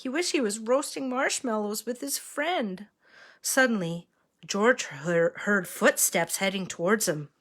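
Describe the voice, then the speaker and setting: A woman reads a children's picture book aloud as if to a toddler, expressively and with an engaging, questioning manner. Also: medium pitch. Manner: reading to a toddler, slow and expressive with questions to young listeners. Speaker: children's story reader.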